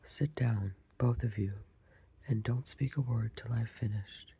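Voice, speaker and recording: A storyteller voicing a sorrowful, touchy male mock turtle in a deep, hollow tone, in a low whisper. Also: a little slow, creaky, warm tone, breathy edge, full character voice. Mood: mournful.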